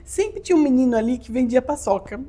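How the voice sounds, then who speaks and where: A woman's voice: sits high, expressive, quick pace, warm tone, a little hiss or hum. A Brazilian woman giving an emotional podcast testimony, acting out her own quotes as she tells the story. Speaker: podcast guest.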